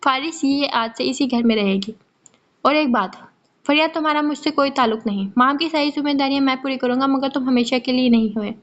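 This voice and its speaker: A woman's voice: high-pitched, a bit bright. A woman voicing a stern, domineering father who gives commands, in a muffled lo-fi recording. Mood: commanding. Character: stern older patriarch, domineering husband.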